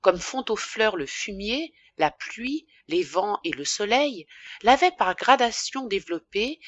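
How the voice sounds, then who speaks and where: A woman narrating a classic novel for an audiobook in an expressive, measured reading. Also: medium pitch, no room sound, dull audio.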